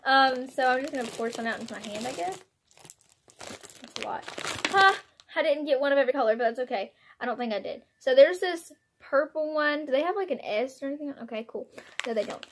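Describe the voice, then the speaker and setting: Giggly young woman doing a candy taste test vlog, kinda high voice, lots of excited gasps. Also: a little fast. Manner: bubbly, giggly, exclaims and laughs often. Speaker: vlogger.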